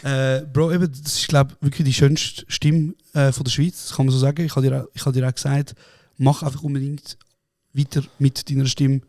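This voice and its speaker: Fast-talking excitable Swiss German man. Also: mid-range voice, dry recording, studio quality. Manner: excitable, slangy, swears a lot. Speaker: podcast host. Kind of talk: casual podcast chat.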